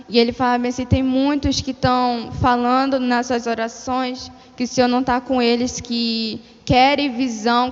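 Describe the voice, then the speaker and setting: A woman in church giving a testimony of a vision, retelling the dialogue step by step. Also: high voice. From Brazil. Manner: storytelling, retelling dialogue with repeated "he said like this". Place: church hall. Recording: dull lo-fi sound in a reverberant church hall.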